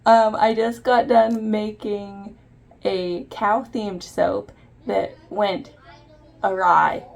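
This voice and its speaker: Chatty young woman with a gravelly edge. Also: mid-range voice, fairly even intonation, extremely slow, highs cut off. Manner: chatty and self-deprecating, narrates each step as she works. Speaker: soap maker and channel host. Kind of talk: casual how-to vlog. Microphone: phone propped on a windowsill.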